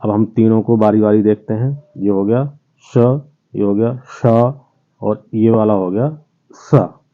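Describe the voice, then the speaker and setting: Slow, low-voiced man teaching on a tinny line. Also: steady tone. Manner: slow, patient, spells out sounds one by one. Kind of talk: online lesson for children. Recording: tinny phone-like sound.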